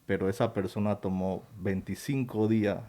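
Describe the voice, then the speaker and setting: Man telling a story with halting restarts. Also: lowish voice, steady tone, warm tone. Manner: halting, restarts words, acts out quoted speech. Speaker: guest. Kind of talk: personal story told in interview.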